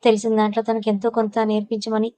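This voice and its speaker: A woman's voice: a little high, monotone, fast, mellow, rough recording. A woman narrating a serialized audiobook story with a Telugu accent, reading every character's lines with little change of voice.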